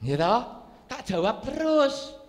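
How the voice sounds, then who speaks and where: A man's voice: very high voice, big pitch swings, slow. A man with a Javanese accent giving a Buddhist sermon, telling stories animatedly and acting out quarrels in different voices. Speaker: Buddhist monk giving a dharma talk. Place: large hall with audience. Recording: long hall reverb.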